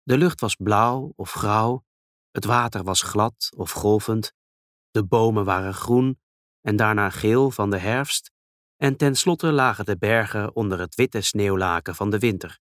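A man reading a children's story aloud in a calm, gentle storytelling manner. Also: on the low side, unhurried, no echo, studio quality.

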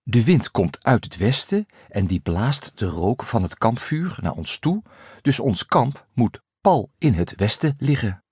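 A man's voice: medium pitch, big pitch swings, a little slow, a little mellow, husky, no room sound, studio quality, pitched above the performer's own voice. A man voicing an eager, earnest boy scout who loves camping in a storybook. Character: eager, upbeat boy camper, know-it-all.

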